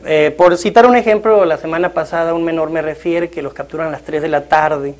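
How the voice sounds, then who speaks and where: A man in his thirties, a shelter's medical worker, calmly answering interview questions in a clinical way with a lapel mic in a small office. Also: a little high, a little fast. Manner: calm, clinical, with frequent fillers.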